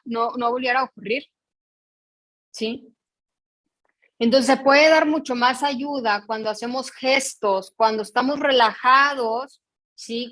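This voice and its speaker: High-voiced Mexican woman giving a workshop. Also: a bit bright. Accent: Mexican Spanish. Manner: explanatory, asks the audience frequent checking questions; reads out picture dialogues in a storytelling tone. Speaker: workshop speaker on emotional education. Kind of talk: online workshop talk.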